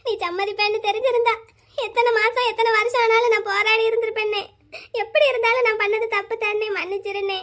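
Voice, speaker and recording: A woman's voice: level tone, moderate pace, pauses often, a bit bright. A woman voicing a heartbroken young bride in a cartoon, crying and begging her brother's forgiveness. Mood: pleading, sobbing. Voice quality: very high, sobbing voice. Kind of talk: cartoon voice acting.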